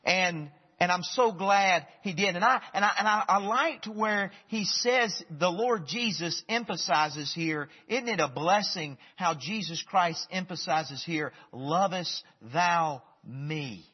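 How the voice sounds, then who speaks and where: A man preaching a sermon, emphatic, moving between loud bursts and hushed lines and often repeating words as he restarts phrases. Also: high-pitched, a little slow, hardly any pauses, breathy edge. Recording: dull long-reverb hall sound.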